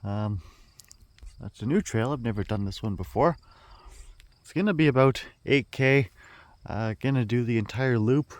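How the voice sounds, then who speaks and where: A man's voice: medium pitch, normal speed, darkish tone, dry recording. A man hosting a hiking vlog, chatting casually and thinking aloud as he walks a wooded trail with a handheld camera. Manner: chatty, musing aloud with fillers. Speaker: hiking vlogger host. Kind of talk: casual walk-and-talk narration. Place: outdoors on a wooded prairie trail. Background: faint insects and crickets.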